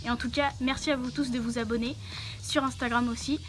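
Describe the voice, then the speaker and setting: Young woman, high bright pitch, muffled through a costume head, hesitant chatty host with lots of fillers, faint music behind. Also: fairly even intonation, fairly quick. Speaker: channel host answering questions. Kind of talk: casual Q&A vlog.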